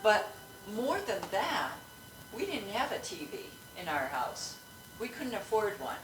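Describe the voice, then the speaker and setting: A woman's voice: medium pitch, sing-song, unhurried, reverberant, far from the mic, over music, poor audio. A woman guest in casual chat, agreeable and chatty. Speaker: podcast guest.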